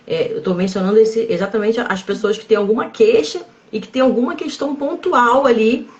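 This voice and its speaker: Woman psychologist, dull lo-fi sound. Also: on the high side. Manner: measured, explanatory, frequent tag questions. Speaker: psychologist guest. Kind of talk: live-stream conversation.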